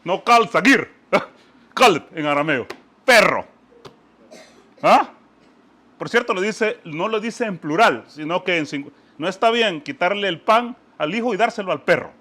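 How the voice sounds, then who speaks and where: A man giving animated, emphatic commentary on scripture, often stopping to ask "¿ah?". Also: high-pitched, a little slow. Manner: lively, emphatic, asks "¿ah?" often.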